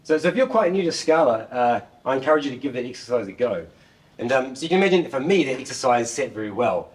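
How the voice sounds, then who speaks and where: A man's voice: mid-range voice, lively intonation, quick pace. A middle-aged man with a New Zealand accent gives an informal tech talk in a joking, self-deprecating way, often repeating words. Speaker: software developer giving a talk. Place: indoor meeting room, standing at a laptop beside a screen. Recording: distant room microphone.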